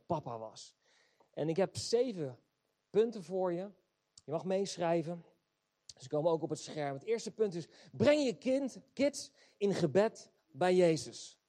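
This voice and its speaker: A man's voice: on the high side, dark tone. A man preaching a sermon, reading scripture aloud and then urging the congregation on.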